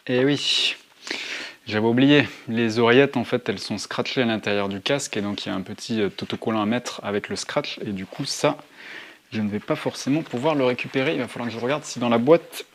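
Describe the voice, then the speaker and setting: A motorcycle vlogger shows off gear in a casual hands-on tutorial, thinking aloud as he handles the items. His medium-pitched voice is fairly quick and a bit bright, with clear background noise and handling clicks in the recording.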